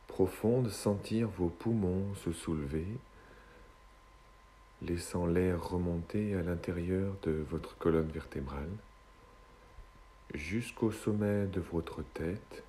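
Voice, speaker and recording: A man guiding a hypnosis session in a slow, soothing hypnotist's manner, with long pauses between short phrases. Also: low-pitched, warm tone, a little hiss or hum.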